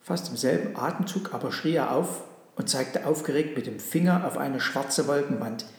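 A man narrating a Christmas storybook in a calm, measured way. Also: mid-range voice. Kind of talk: storybook reading. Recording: echoey room.

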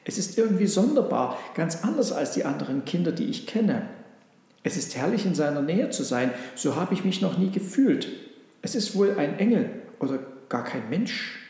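A man doing an eager storybook dog with a raised, excited voice. The dog is curious and quick to bark out questions. It is heard in a very echoey room with a long reverb tail. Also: fairly high pitch, pitched above the performer's own voice.

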